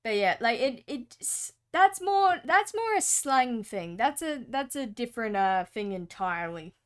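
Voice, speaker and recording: Drawing on stream, a young Australian woman keeps up a casual, rambling chat loaded with fillers. She speaks unhurriedly in a fairly high, clear, resonant voice that is very animated.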